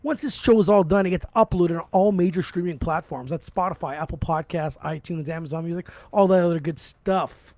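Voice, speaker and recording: A middle-aged man hosting a podcast, joking and swearing, with quick restarts. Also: a little high, a little mellow, dry recording. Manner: fast, joking, profane, stumbling restarts. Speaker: podcast host. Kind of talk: casual podcast banter.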